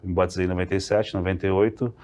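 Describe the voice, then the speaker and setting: A man, a podcast guest telling a religious testimony in an animated way, acting out the dialogue. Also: deep voice, racing. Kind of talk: testimony storytelling.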